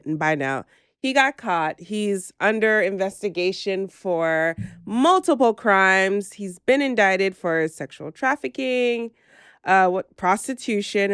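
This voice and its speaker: A woman hosting a podcast, chatting casually in a slangy, animated way with quick asides. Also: mid-range voice, clear, resonant tone, no echo, studio quality. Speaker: podcast host. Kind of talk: casual gossip chat. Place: lives in New York.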